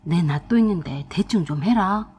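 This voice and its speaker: A young husband stuck between his wife and his mother, as a woman puts him on, speaking in a lowered, husky voice. He is curt at first, then pleads, in a radio-drama reading. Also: lively intonation, moderate pace, darkish tone.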